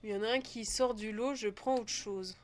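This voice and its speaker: A woman's voice: fairly high pitch, steady tone, normal speed, a little hiss or hum, natural voice. Brief: hard male hunter, cold and self-righteous, odd mixed accent, put on by a woman.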